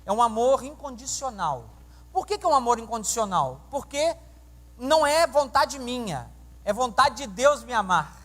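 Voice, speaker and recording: A man's voice: extremely high pitch, normal speed. A man preaching a sermon as pastor, telling stories with acted-out dialogue and quizzing the congregation. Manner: animated storytelling, acting out dialogue and questioning the congregation. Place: church sanctuary during a service. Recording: reverberant church hall sound.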